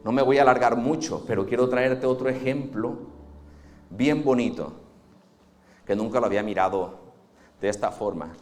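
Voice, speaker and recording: A pastor giving a Sunday sermon, dramatic, moving between hushed and loud passages. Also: male voice, medium pitch, moderate pace, long pauses, soft background music.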